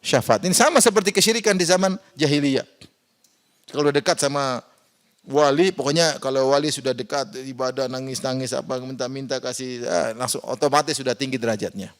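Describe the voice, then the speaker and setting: A man preaching a Quran exegesis lecture in a mosque. He asks the audience rhetorical questions and swings between loud emphatic rises and quiet asides. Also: medium pitch, brisk. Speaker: Islamic preacher.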